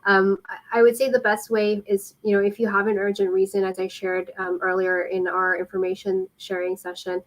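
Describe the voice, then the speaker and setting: Speaking informally and helpfully in a live Q&A, a female immigration consultant pauses often as she explains. Her voice sits at a medium pitch with little variation, captured on a low-quality recording.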